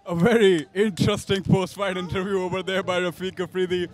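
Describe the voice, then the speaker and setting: A man's voice: high voice, level tone, a little fast, dry recording. A man giving live fight commentary, enthusiastic and repeating phrases for emphasis.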